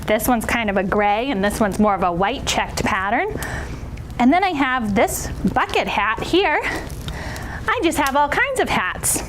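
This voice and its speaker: A woman with a fairly high, very animated voice presents and reads stories to children. She is playful and theatrical, like a kids' entertainer speaking straight to her audience. There is faint noise behind her. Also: unhurried. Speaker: children's storytime host. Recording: clear background noise.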